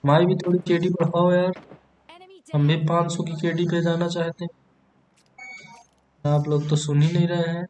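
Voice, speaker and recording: A man's voice: a little high, level tone, measured pace, pauses often, a little mellow. A young man hosting a gaming channel, joking and bantering crudely with teammates as he narrates his match. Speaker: gaming YouTuber. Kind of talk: comedic gameplay commentary.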